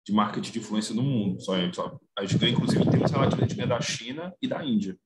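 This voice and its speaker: A man from Northeast Brazil, an academic presenter, chatting on a video call in a relaxed, slangy, animated way. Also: lowish voice, racing, very noisy. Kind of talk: casual chat on a video call.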